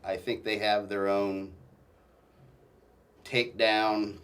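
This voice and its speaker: A man telling his own story as a guest in a casual interview, halting and restarting often. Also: fairly low pitch, level tone, fairly bright tone, far from the mic.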